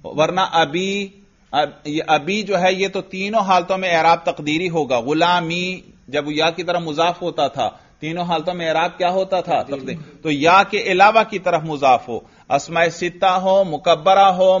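A man's voice: a little high, a bit bright, muffled recording. Man drilling a grammar lesson. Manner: questions students and answers himself, drills step by step. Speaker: Arabic grammar teacher.

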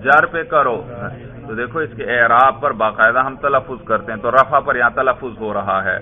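Man teaching grammar over a tinny line. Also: medium pitch. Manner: drills students, asks and answers his own questions. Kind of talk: classroom lesson with questions and answers. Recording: tinny phone-like recording.

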